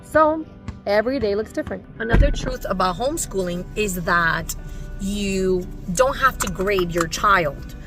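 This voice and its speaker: A homeschooling mother hosts a vlog, narrating in a way that sounds scripted, with short emphatic phrases and rhetorical questions. Her mid-range voice is expressive and a little slow, and music plays behind her.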